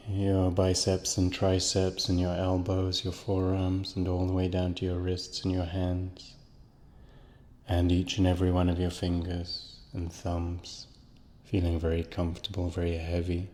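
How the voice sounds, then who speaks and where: A man guiding a listener through a slow, soothing hypnosis relaxation, counting down and repeating calming phrases. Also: low voice, in a large hall. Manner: slow, soothing, repetitive induction. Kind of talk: guided hypnosis relaxation script.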